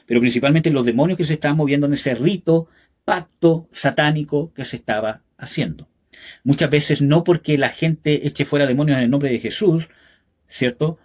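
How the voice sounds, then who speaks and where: A man teaching a Bible study, pausing often with fillers and tag questions, then building to emphatic bursts. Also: medium pitch. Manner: rises to emphatic, raised-voice bursts. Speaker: pastor.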